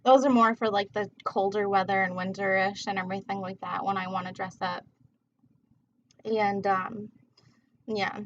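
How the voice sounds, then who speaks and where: A woman's voice: mid-range voice, steady tone, normal speed, pauses often, slight background noise. A woman with a mid-range voice chats casually to her livestream viewers while smoking. Her delivery is laid-back and rambling, full of loose, slangy asides. The audio is dull and lo-fi. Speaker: tarot reader hosting a livestream.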